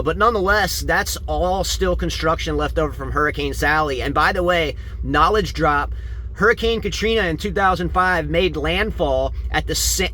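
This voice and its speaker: A man's voice: on the high side, bright, forceful tone, a little hiss or hum. A man giving a casual live weather update, explaining things to viewers as a storm-tracking vlogger. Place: out and about on a coastal island, partly in a vehicle, then at his house.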